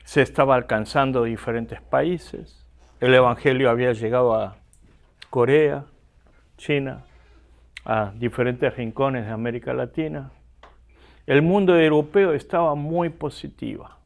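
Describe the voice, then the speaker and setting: Here a man from Argentina, speaking with an Argentine accent, lectures to a classroom and regularly throws rhetorical questions at the students. The seminary lecturer's medium-pitched voice is creaky and a little slow.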